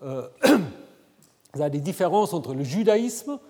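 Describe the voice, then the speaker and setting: A man giving an academic lecture in a conversational way, often checking in with his listeners with a quick "hein?". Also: a little high, sing-song, a little mellow. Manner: conversational, frequent "hein?" tag questions. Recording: reverberant lecture hall.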